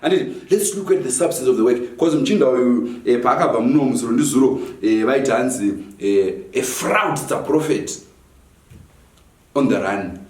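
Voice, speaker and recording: A man's voice: mid-range voice, lively intonation, moderate pace, a little mellow. A man with a Zimbabwean accent hosting satirical news banter in a mock-serious way, switching between two languages. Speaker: comedy show host. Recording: roomy echo, distant microphone.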